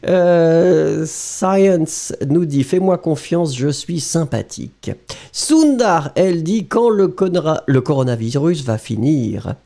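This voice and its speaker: A man's voice: a little high, lively intonation, slow pace, creaky, dark tone. A man who is a native French speaker, teaching a live lesson, reading out viewer comments and explaining them in English with frequent chuckles.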